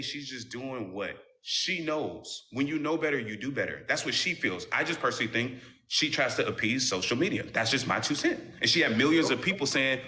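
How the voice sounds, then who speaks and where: A man's voice: mid-range voice, bright, forceful tone. A young man on a live stream, defending himself in a heated debate and repeating himself when cut off. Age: young adult.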